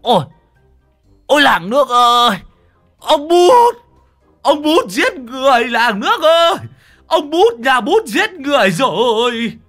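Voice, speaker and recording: A shrill wailing scrawny old villager. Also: male voice, big pitch swings, slow pace, long pauses, fairly bright tone, faint music behind, exaggerated voice.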